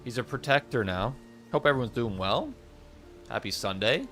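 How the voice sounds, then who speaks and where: A man's voice: mid-range voice, animated, moderate pace, a bit bright. Man, congested with a cold, rambling game stream chat, faint music behind. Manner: chatty, rambling, greets chat by name. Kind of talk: casual live-stream chat.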